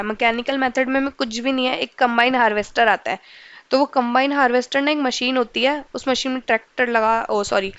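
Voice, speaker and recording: A woman's voice: on the high side, clear, resonant tone, dry recording, dull audio. A woman teaching a school science lesson who asks questions and answers them herself, slipping English terms into her speech. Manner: mixes in English terms and phrases. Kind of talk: explaining a school science chapter.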